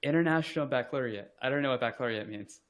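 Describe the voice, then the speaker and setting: Rapid-fire and medium-pitched, a young adult man rambles through a casual podcast conversation as a guest. He sounds relaxed, says "like" often, and slips in self-deprecating humor.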